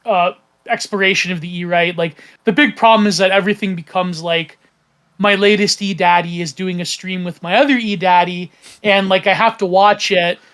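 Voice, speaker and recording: A man's voice: sits high, fairly even intonation, moderate pace, a bit bright, clean tone. A man from Canada, hosting a casual podcast chat, rambling with many fillers and restarts. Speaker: podcast host.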